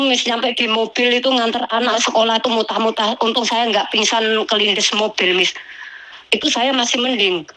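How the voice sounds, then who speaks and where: Woman, high voice, animated, complaining, casual storytelling. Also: poor audio. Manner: animated, complaining, keeps addressing the listener as Miss. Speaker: migrant domestic worker telling her story.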